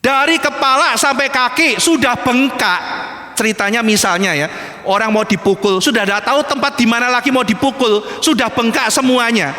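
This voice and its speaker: A man's voice: extremely high pitch, normal speed, pushed and bright. A male pastor preaching a sermon with emphasis, often addressing the congregation and acting out quoted voices. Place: large church hall. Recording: hall reverb of a church service recording.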